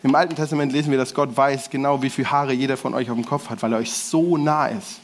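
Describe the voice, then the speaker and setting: A man's voice: mid-range voice, fairly even intonation, fast talker. A man preaching a casual sermon to a gathered audience, in slangy everyday speech with restarts and self-corrections. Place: church hall with audience.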